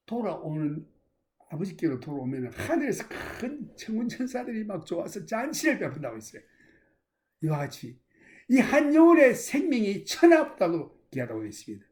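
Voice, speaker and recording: A male pastor preaching a sermon in a dramatic storytelling manner, swinging between loud emphasis and hushed lines. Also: a little high.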